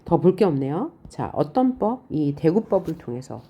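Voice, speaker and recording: Husky, lively woman teaching poetry. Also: low-pitched, normal speed, lo-fi sound. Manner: lively, questioning, reads poem lines aloud expressively. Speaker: Korean literature teacher. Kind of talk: online lecture on poetry.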